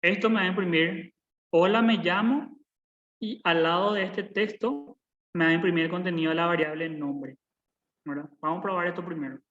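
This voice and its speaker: A programming instructor in his twenties teaches a live coding lesson over video call, and the sound is lo-fi. He talks briskly in a fairly high, fairly bright voice with fairly even intonation. Patiently he repeats points and checks in with "¿verdad?".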